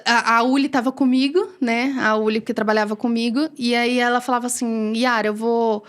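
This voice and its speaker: A Brazilian woman with a high voice talks quickly through a personal faith testimony on a podcast. She is an animated storyteller and acts out the lines she quotes. Her talk stays casual and conversational. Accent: Brazilian Portuguese. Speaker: podcast guest.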